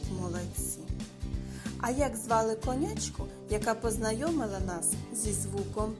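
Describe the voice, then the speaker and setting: A woman teaching a speech lesson to preschool children, saying each word slowly and clearly and repeating it. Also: fairly high pitch, loud music behind the voice. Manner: slow, clearly articulated words, repeated for children. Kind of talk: slow lesson for small children.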